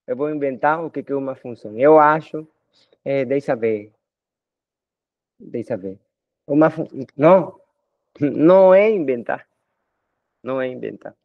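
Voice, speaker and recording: A middle-aged Colombian man with a Spanish-speaker's accent gives a math lecture in a casual, conversational way. He keeps checking in with his students through little tag questions. The recording is dry and close, with a muffled, lo-fi tone and a voice of middling pitch. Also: measured pace, long pauses, dry recording. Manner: talkative, addresses students informally with frequent tag questions. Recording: dull lo-fi dry sound.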